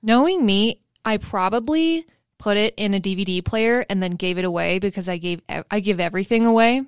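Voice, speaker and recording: A woman's voice: mid-range voice, fairly quick, smooth, dry recording, clean studio sound. A woman podcast co-host telling stories in a casual, conversational way.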